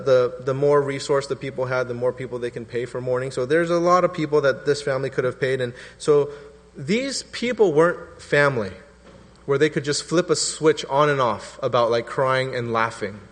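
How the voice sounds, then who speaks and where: A man in his thirties preaching a sermon in a relaxed, conversational way, acting out quotes in different voices. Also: medium pitch, moderate pace. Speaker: pastor. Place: church hall. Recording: reverberant church hall.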